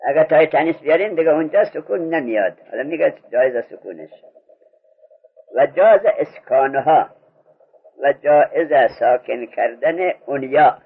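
A man with a slightly high, husky voice teaches an Arabic grammar lesson. He drills his student patiently, asking the same questions again and again. The recording sounds muffled and lo-fi. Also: few pauses.

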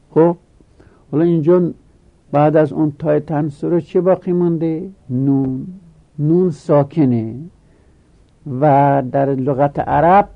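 Gravelly man explaining grammar step by step. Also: on the high side, lo-fi sound. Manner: repetitive step-by-step explaining with questions. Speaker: teacher. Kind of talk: Arabic grammar lesson.

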